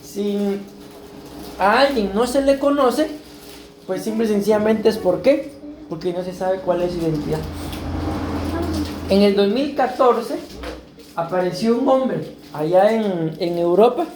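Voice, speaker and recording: In an echoey church hall with faint background noise, a man preaches as pastor in a high-pitched voice, unhurried and marked by long pauses. He talks conversationally and keeps checking in with his listeners, repeatedly asking "¿verdad?".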